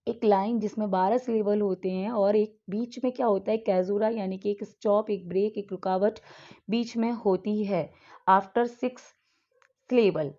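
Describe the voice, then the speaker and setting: A young woman with an Indian English accent works through exam practice questions at an unhurried pace. Her voice is soft and mellow. She reads each question aloud slowly, then explains it. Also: medium pitch, steady tone, highs cut off.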